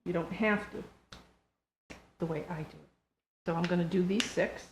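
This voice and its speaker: A woman's voice: on the low side, fairly even intonation, normal speed. An older woman, a home baker, talking casually and step by step through a cooking demonstration in her kitchen. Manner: chatty, homespun, explains step by step. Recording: noisy recording with clicks.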